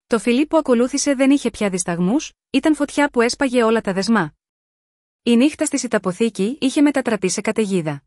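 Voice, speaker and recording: A woman narrates a first-person romance in a measured, sensual tone. Her voice sits a little high, and the sound is dry and close with no room around it. The delivery is calm and scripted, like an audiobook reading. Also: no echo. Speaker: storyteller.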